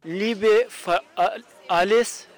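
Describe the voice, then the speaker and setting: A man with a Pakistani accent speaking slowly and hesitantly in a learned language, searching for words, recorded outdoors. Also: high voice, fairly even intonation. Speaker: interviewee. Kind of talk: halting speech in a learned language.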